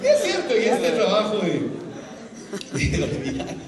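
Lively male preacher telling his story, high voice, far off in a reverberant hall. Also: unhurried, crowd noise. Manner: animated storyteller, often laughing. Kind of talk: sermon testimony. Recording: echoey hall, far from mic, audience.

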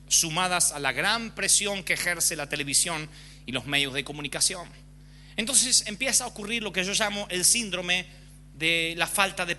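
An impassioned male preacher delivering a frank sermon and acting out everyday examples as he goes. His voice is strikingly bright and piercing, sitting on the higher side for a man. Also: slight background noise.

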